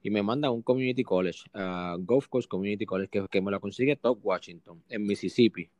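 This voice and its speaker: A young man with a Puerto Rican accent telling stories casually in an interview, animated and full of restarts. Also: lowish voice, brisk, no echo. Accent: Puerto Rican Spanish. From Puerto Rico. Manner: animated, acts out quotes with restarts. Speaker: guest, basketball player.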